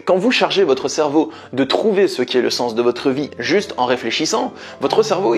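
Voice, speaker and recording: A man speaking as a life coach, giving earnest, explanatory motivational advice straight to his viewers. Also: a little high.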